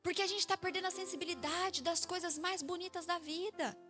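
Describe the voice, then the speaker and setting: A woman in her thirties with a Brazilian Portuguese accent, a pastor preaching a sermon in a church, telling stories with lively acted-out voices. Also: very high voice, fairly quick, faint music behind. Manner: lively storytelling, acts out quoted voices.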